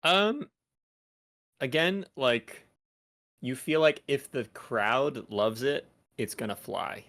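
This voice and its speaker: Gravelly bright-voiced male dungeon master. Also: medium pitch, very animated, slow pace. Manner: loose, rambling, full of "like" and restarts. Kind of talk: casual tabletop game chat.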